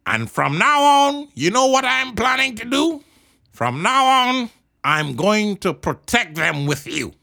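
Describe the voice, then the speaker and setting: A woman voicing a big, proud female kangaroo in a storybook reading, with a high haughty put-on voice. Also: very animated, takes it slowly, gravelly, bright, forceful tone, exaggerated voice. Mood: eager agreeing. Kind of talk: storybook read-aloud.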